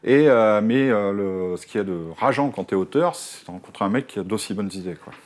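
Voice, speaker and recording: A man's voice: lowish voice, fairly quick, darkish tone. A middle-aged man, a game publisher, chatting casually in an interview and telling anecdotes with many hesitations. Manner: hesitant, many "euh" fillers, mimics others while telling anecdotes.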